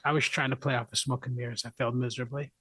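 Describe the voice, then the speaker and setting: A man's voice: medium pitch, little pitch movement, racing, bright, forceful tone, slightly rough, no echo. A man co-hosting a podcast, joking and swearing in casual chat. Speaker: podcast co-host.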